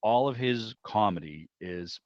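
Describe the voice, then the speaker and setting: A man with a fairly low voice and lively intonation speaks at a measured pace while hosting an online club meeting over a video call indoors. He rambles casually and enthusiastically about old radio, thinking aloud, and the audio sounds muffled and roomy.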